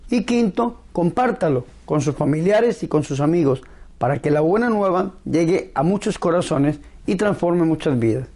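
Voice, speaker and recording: Higher-voiced male priest preaching. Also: lively intonation, mellow. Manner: solemn, pastoral, deliberate phrasing. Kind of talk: devotional sermon and prayer.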